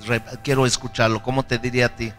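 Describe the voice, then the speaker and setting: A man's voice: medium pitch, level tone, fast talker, a bit bright, big-room sound, faint music behind. A male pastor preaching a sermon with fervor. He repeats key phrases and leads the congregation in prayer.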